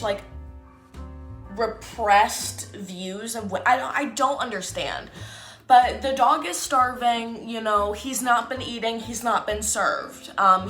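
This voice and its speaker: A woman's voice: a little high, fairly bright tone, reverberant. A young woman in a casual, rambling rant full of fillers and sarcastic asides, speaking as a book vlogger at home.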